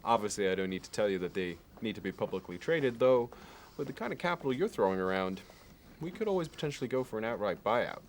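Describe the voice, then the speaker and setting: A male actor plays a polished, courteous Manhattan finance executive in an ASMR roleplay, using a lowish, expressive voice that is unhurried and formal. His mood is polite and businesslike as he speaks in a measured, halting way, appraising everything meticulously with polite formality. There is some noise on the recording.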